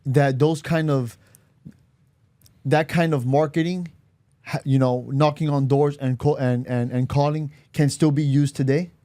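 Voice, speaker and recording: A man's voice: on the high side, fairly even intonation, measured pace, mellow. A man hosting a podcast interview, asking friendly questions and agreeing often. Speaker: podcast host. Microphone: podcast studio mic.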